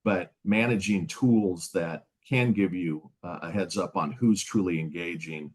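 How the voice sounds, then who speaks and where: A man's voice: low voice, unhurried, darkish tone. A middle-aged man, a sales executive, speaking in a casual conversational way on a webinar panel. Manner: conversational, folksy, with fillers.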